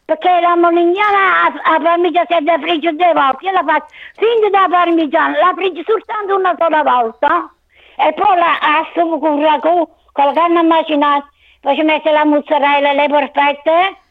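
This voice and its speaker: A high, piping older woman comes through a tinny landline phone. She calls in to a talk show and speaks in an emphatic, opinionated way. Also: fairly even intonation, normal speed. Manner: emphatic, opinionated about cooking. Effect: over a landline phone. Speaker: caller.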